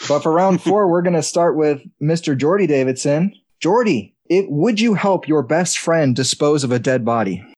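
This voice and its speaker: A man with a slightly high voice hosts a tongue-in-cheek game show from a video call. He is playful and laughs often between questions. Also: animated, moderate pace, few pauses, darkish tone.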